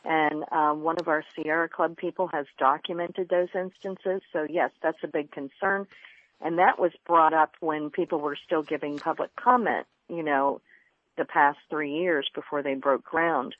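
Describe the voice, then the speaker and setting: A woman's voice: low-pitched, fairly even intonation, normal speed. A woman from Florida, a journalist and environmentalist, explaining earnestly as a radio interview guest over the phone. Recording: tinny phone line.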